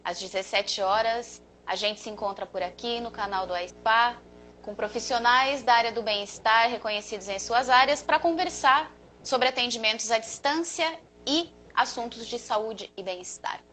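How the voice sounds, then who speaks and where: Woman hosting a live chat, welcoming guests, bright voice, a bit high. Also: moderate pace, slight background noise, low-quality recording. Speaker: therapist and live-show host. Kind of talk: live video interview.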